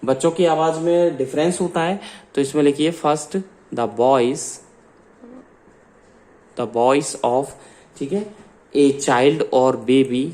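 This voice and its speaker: A man's voice: on the high side, a little mellow. A man with an Indian accent, a science teacher dictating class notes and spelling out words letter by letter. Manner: slow dictation, spells out words letter by letter, mixes Hindi and English.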